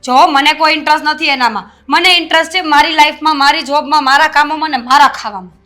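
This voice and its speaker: Young daughter-in-law for a family film drama, fast and bright, bickering,. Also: female voice, high voice. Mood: irritated. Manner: quick, bickering.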